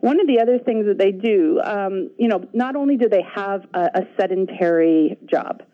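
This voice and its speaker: A woman's voice: medium pitch, moderate pace, lo-fi sound. A woman calling in to a radio show, talking in a rambling, hesitant way. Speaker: caller. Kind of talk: radio call-in.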